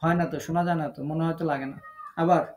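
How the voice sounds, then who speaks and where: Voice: medium pitch, steady tone, rapid-fire, slight background noise. A Quran recitation teacher from Bangladesh leading an online class over a video call, patiently asking students questions and correcting their pronunciation step by step.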